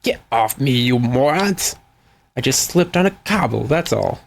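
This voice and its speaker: A man's voice: medium pitch, expressive, measured pace, vocal fry, noisy background. A man voicing a bossy, short-tempered female bandit chief from a video game, barking curt threats and insults. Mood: irritated. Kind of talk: video game dialogue read aloud.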